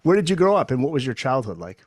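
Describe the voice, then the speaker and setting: A man hosting a podcast, reading a lively scripted intro and then interviewing his guest. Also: mid-range voice, fast, no echo, clean studio sound. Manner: upbeat announcer-style delivery. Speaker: podcast host.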